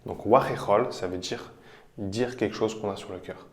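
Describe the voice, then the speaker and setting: A man teaching vocabulary, explaining each example patiently and repeating phrases slowly. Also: on the low side. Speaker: language teacher. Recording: roomy echo.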